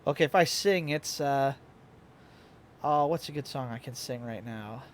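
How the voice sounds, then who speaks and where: A man's voice: medium pitch, moderate pace, slight background noise. A young man chatting casually on a live stream, playful and fond of toying with his voice, with the hiccups. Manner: playful, plays with his voice and octaves.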